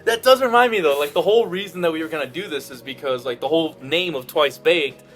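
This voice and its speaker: A young man co-hosting a casual podcast, talking loosely with lots of fillers and quick laughs. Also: on the high side, a bit bright. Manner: laid-back, laughs often, filler-heavy. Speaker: podcast co-host. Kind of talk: casual chat. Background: faint background music.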